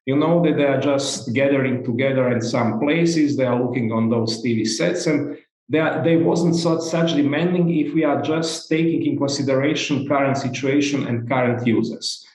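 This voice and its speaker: A man from Croatia with a Croatian accent, English not his first language, giving a conference presentation in a halting way with many fillers. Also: mid-range voice, darkish tone, roomy sound, poor audio. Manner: halting, non-native phrasing with many fillers. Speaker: data analytics director. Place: virtual event recording.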